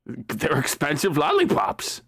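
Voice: mid-range voice, huge pitch swings, measured pace, creaky, fairly bright tone, dry recording, clean studio sound, voice pushed down, exaggerated voice. A game master voicing a pushy candy-seller woman in a tabletop game, with sly, teasing sales talk. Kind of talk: tabletop role-play voice.

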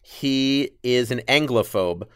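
A man's voice: mid-range voice, takes it slowly, a bit bright, smooth, no echo, clean studio sound. A man hosting a podcast game show, bantering casually and making jokey guesses.

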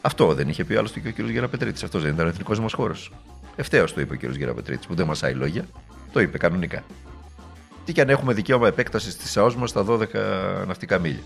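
Man, politician, political speech, sarcastic, rhetorical, deep voice, animated intonation. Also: vocal fry, faint music behind.

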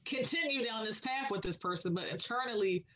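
Woman co-host, unhurried and slightly high. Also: a bit bright, low-quality recording. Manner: unhurried and affirming, with many "um" fillers. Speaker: podcast co-host. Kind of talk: casual podcast chat about songwriting.

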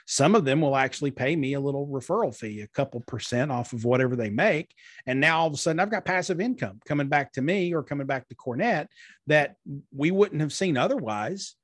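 Husky-voiced man explaining. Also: a little high, expressive, fairly quick, no echo, clean studio sound. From eastern Kentucky, USA. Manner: earnest, explanatory, with frequent fillers. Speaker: guest, marketing strategist. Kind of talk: conversational interview.

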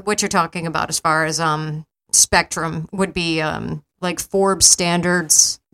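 A woman co-hosting a podcast in casual chat, laughing easily and agreeing often with quick yeahs. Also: deep voice, steady tone, a bit bright. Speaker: podcast co-host.

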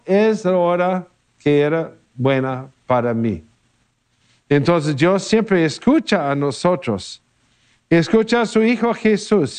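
A man, a priest, reading a gospel passage and then giving a gentle, easygoing homily with small laughs and playful repetitions. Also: high voice, clear, resonant tone.

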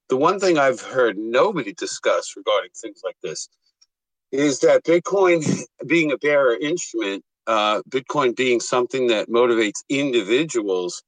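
Guy calling in sounding thin and tinny like he's in a tin can, no bass, talks it through step by step, dry sound. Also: no echo. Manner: measured, deliberate, argues point by point. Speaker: caller in a group audio chat. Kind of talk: casual opinion in a live discussion.

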